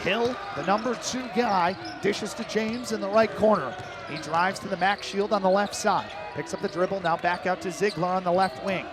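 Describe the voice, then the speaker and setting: A high-pitched male radio announcer does play-by-play for a live basketball game. His calls come in short, clipped, rapid-fire phrases as he tracks the ball from spot to spot.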